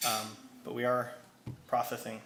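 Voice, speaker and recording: A man giving an informal, halting project update in a modest manner. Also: medium pitch, monotone, a bit bright. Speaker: wool mill operator giving an update. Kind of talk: informal spoken presentation. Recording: echoey room, faint noise.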